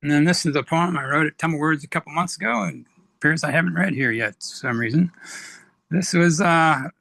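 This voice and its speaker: A man reading spoken-word poetry at an online open mic, rhythmic and slowing down on the refrains. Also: fairly high pitch, creaky, sharp tone, dry recording.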